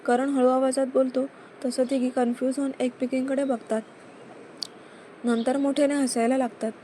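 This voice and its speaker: A woman narrating a romantic serial story at a steady, even pace. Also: sits high, normal speed, slight background noise.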